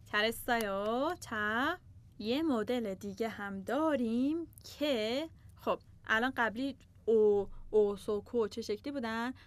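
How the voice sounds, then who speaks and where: A young woman teaching a beginner language lesson, patiently repeating words slowly for her learners. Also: fairly high pitch.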